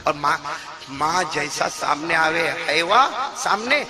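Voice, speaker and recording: A man's voice: a little high, big pitch swings. A male preacher telling a story in a sermon, calling on the audience to answer him. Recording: background music.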